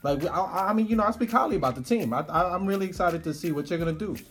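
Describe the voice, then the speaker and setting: A man's voice: high voice, very fast, fairly bright tone, a little hiss or hum. A man co-hosting a casual radio chat, asking eager, rambling questions with many restarts. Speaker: radio co-host.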